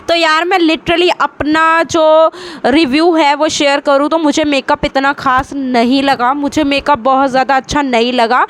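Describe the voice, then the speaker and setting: A woman's voice: high-pitched, fairly bright tone. A woman beauty vlogger narrating a casual voice-over and chatting straight to her viewers.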